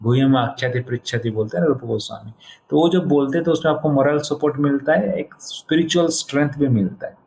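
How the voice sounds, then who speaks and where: A man's voice: on the high side, fast talker, gravelly, a little mellow. A man, a spiritual teacher, answering youth questions in a devotional talk, explaining through homely stories and mixing English phrases into his Hindi. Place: online session.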